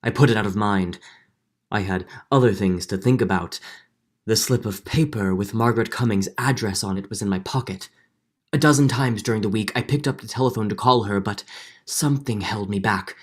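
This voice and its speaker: A man acts the part of an earnest, guilt-ridden middle-aged judge in a dramatic 1940s-style radio drama, narrating in first person with hesitant turns. His lowish, natural voice moves fairly quickly, and the mood is brooding and confessional.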